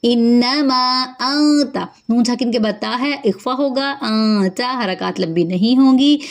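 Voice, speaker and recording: High-pitched woman teaching tajweed, patient, walks through each rule one by one. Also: darkish tone. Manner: patient, step-by-step explaining. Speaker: Quran recitation teacher. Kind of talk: tajweed lesson, slow recited verses then spoken rules.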